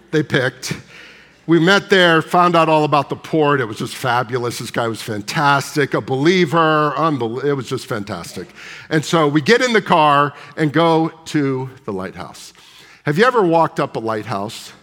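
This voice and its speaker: A man's voice: on the high side, fairly bright tone. A man preaching a sermon, telling a story in a conversational way and putting questions to the congregation. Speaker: pastor. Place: large church sanctuary. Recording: long hall reverb.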